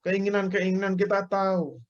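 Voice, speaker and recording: A man's voice: high voice, steady tone, moderate pace. Male preacher on a dull recording. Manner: explains by example, mimics people's prayers. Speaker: Islamic preacher. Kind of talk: religious lecture.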